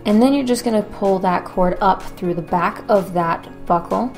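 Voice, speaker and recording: A woman's voice: mid-range voice, normal speed, darkish tone. Casual woman hosting a craft tutorial over music. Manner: informal, conversational. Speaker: tutorial host.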